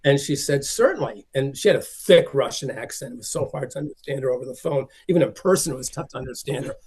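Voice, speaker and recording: Talking fast in a mid-range, slightly rough voice with a darkish tone, an older film collector rambles through stories as an interview guest. He acts out the quoted dialogue throughout his chatty anecdotes.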